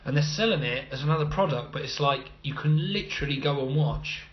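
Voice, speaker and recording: A man's voice: on the high side, expressive, a little fast. A man co-hosting a casual chat, jokey and scornful, swearing freely and laughing often. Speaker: podcast co-host. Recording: muffled with faint noise.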